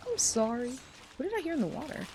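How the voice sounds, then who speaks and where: A playful woman streamer narrating her game live, her voice leaping high into squeals and cracks when startled. There is a gravelly fry in her lower talk, and the live stream audio carries a noisy hiss. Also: big pitch swings, fast. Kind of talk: casual live gameplay commentary.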